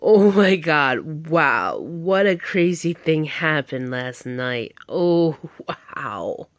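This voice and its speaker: A woman's voice: low-pitched, sing-song, extremely slow, no room sound. A young woman chatting casually to her viewers, recorded as a phone video, rambling with many ums and stunned exclamations. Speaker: vlogger. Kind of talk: casual vlog chat.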